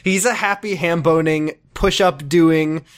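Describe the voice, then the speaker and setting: Joking man co-host, slightly high voice. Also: steady tone, unhurried. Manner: joking, laughs often, slips into silly voices. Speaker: podcast co-host. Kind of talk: casual comedic chat.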